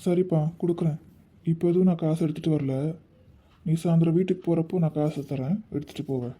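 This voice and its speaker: A man playing a kindly middle-aged employer in an amateur family skit, speaking calmly and reassuringly. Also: a little high, fast, lightly acted. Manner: calm, reassuring, fatherly. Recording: dull lo-fi recording.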